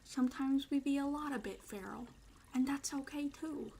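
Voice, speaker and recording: A young adult woman streamer in quiet, casual ASMR chat, playful and rambling, sometimes dropping into soft whispers. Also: high-pitched, normal speed, vocal fry, a little hiss or hum.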